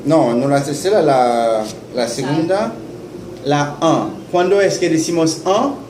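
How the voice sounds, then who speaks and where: A man teaching in a classroom, slowly repeating words for students to echo. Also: on the high side. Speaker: Haitian Creole teacher. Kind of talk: classroom lesson. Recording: echoey classroom with faint noise.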